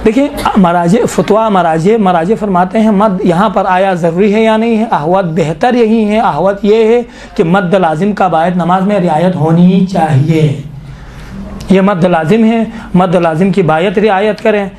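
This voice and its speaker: A middle-aged man teaching a class on Quran recitation. He explains step by step and slowly recites and repeats verses to show how they are said. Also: high-pitched, darkish tone. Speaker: tajweed teacher.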